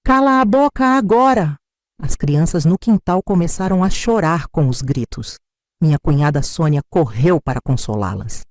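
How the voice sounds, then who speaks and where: A woman narrating a dramatic family story in the first person, raising her voice for the characters' shouted lines. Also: sits low, moderate pace, dry recording, clean studio sound.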